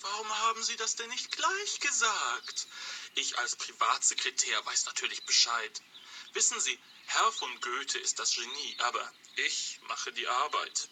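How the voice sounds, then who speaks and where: A man's voice: medium pitch, sing-song, unhurried, noisy background. An actor playing a loyal but self-important secretary and coachman, polite and a bit pompous. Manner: polite, fussy, a little pompous. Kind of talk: radio play for language learners.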